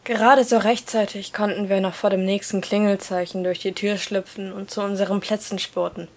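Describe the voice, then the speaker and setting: A woman reading a novel aloud in first person, in a steady, even storytelling manner. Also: medium pitch, moderate pace. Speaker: story reader.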